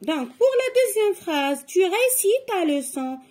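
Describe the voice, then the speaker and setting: A woman's voice: very high voice, big pitch swings, slow pace, darkish tone. A woman teaching a grammar lesson to children, explaining patiently and step by step. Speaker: French teacher.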